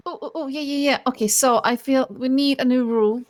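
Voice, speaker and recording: A woman's voice: high-pitched, steady tone, a little fast, a little mellow, dry recording. A woman chatting casually over voice chat, talkative and easily sidetracked, often laughing. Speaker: role-play player.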